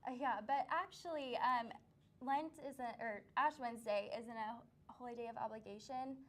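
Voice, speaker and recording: A woman's voice: a little high, moderate pace, fairly bright tone. A young woman co-hosting a student talk show, chatting casually with many ums and easy laughs. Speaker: student producer and co-host. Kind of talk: casual interview chat.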